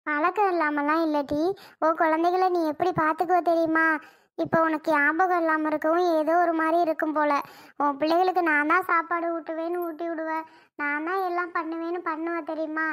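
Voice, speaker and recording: A woman voicing a gentle, caring middle-aged mother in a cartoon, coaxing and pleading. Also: very high voice. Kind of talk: cartoon voice acting.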